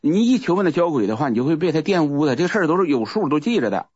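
Man, rapid rambling testimony, slightly high voice, muffled dry recording. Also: big pitch swings, darkish tone, slightly rough, no room sound. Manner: rambling, repeats words, restarts often. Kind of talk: casual spoken testimony.

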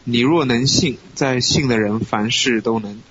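Man reading scripture aloud, steady. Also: mid-range voice, a little slow, slightly rough. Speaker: scripture reader. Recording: dull lo-fi recording with faint hiss.

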